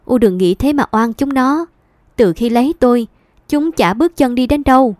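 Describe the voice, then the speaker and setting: A woman reader voices a poor young son caught in a family quarrel, pleading and tearful. His voice sits higher and louder than the narration, and it begs without letting up. The reading is dry and close. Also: normal speed, no room sound, natural voice.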